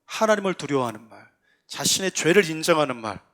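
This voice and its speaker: A man preaches to his congregation in an earnest, pleading way. His voice sits a bit higher than most men's. He builds to emphatic peaks when he makes a point. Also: sing-song, fairly quick, a bit bright. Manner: earnest, rising to emphatic exhortation with acted quotes. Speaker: pastor. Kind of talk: sermon. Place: church sanctuary.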